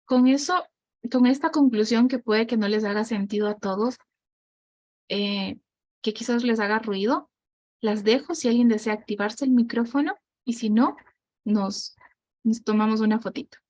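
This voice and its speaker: A woman with a high, light voice guides an online parenting circle, inviting each participant in turn. Her voice is close and dry. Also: normal speed, darkish tone, dry recording. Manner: encouraging, invites others to speak. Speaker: group facilitator. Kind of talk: online group discussion.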